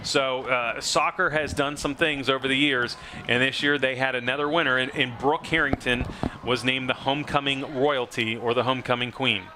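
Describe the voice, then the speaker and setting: A man doing play-by-play for a high school football broadcast, conversational with frequent fillers. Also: steady tone, normal speed, noisy background. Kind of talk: local sports commentary.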